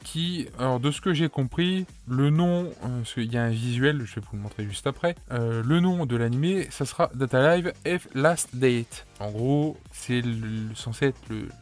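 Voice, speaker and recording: A man's voice: medium pitch, lively intonation, moderate pace, few pauses, faint music behind. A man with a French accent giving casual anime news commentary, rambling with lots of fillers and restarts.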